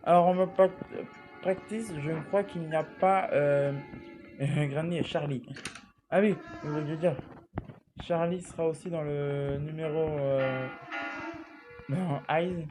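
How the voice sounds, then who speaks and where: A man's voice: a little high, fairly even intonation, slow, long pauses, music in the background. A young man casually commenting on a horror game as he plays, mumbling and swearing now and then while he eats. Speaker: gamer playing a horror game. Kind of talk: casual let's play commentary.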